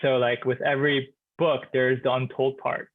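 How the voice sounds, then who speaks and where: This man, a literature professor, talks at a moderate pace in a medium pitch, heard through phone-quality audio. In the relaxed expert discussion he is reflective and unsure, often starting over and filling gaps with sounds.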